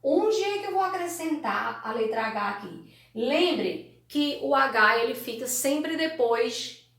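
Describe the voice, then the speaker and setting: A Brazilian woman teacher with a fairly high voice speaks slowly and patiently, stretching out each syllable. She keeps checking in with her pupils, and her voice rings around a very echoey room. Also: expressive, fairly bright tone. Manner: slow, drawn-out syllable-by-syllable teaching with frequent "né?" and "tá certo?". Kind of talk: online classroom lesson.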